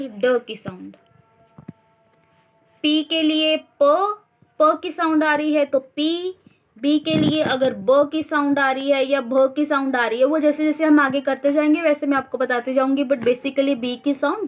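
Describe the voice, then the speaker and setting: A young woman teaching shorthand, slowly repeating each sound and example word to drill it. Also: high voice, dull audio. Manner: slow, repeats sounds and words to drill them. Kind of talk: instructional explanation.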